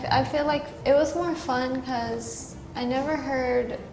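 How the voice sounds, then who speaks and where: An American woman hosting a casual chat comparing words across languages, curious and quick to laugh. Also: high-pitched, steady tone. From United States. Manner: giggly and curious. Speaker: host. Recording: echoey room with music behind.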